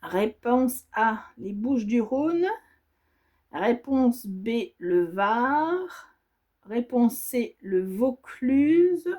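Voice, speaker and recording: A woman's voice: on the high side, lively intonation, drawn-out words, mellow. A woman vlogger stitching as she talks, reading quiz options aloud and musing over them with hesitations. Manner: stitching while talking. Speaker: embroidery vlogger. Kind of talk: casual quiz while stitching.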